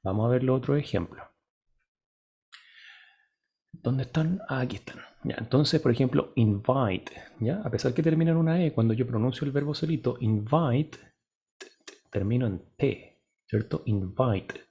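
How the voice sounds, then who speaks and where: Male teacher, low gravelly husky voice, patient and deliberate, lesson delivery. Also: warm tone. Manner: patient, checks in with "¿cierto?" and "¿ya?"; slow, deliberate modeling of English words. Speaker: English teacher. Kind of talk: classroom lesson explanation.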